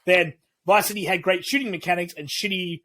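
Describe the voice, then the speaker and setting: A man's voice: high voice, steady tone, fairly quick, a bit bright. A man co-hosting a casual podcast, rambling through his views with frequent restarts and cheerful swearing. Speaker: podcast co-host. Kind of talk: casual chat.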